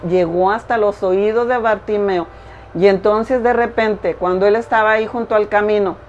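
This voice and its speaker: A woman delivers a sermon in an earnest, insistent way, repeating her phrases and speaking straight to the listener. Her voice sits at a middle pitch. The recording sounds dull and lo-fi, with a faint hiss underneath. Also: darkish tone. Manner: earnest, repetitive, addresses listener directly. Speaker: preacher.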